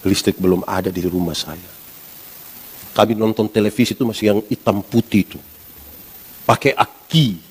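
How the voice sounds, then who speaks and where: A pastor in his forties, preaching a lively sermon and asking the congregation questions. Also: fairly low pitch, moderate pace, pauses often, husky. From Indonesia. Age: 40s.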